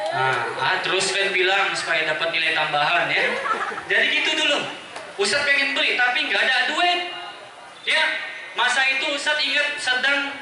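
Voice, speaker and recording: A man in his thirties with a Medan accent, preaching an emotional storytelling sermon in a lively, conversational way with playful asides. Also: sits high, slight background noise. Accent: Medan Indonesian. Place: mosque hall at a religious gathering. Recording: echoey hall from far off.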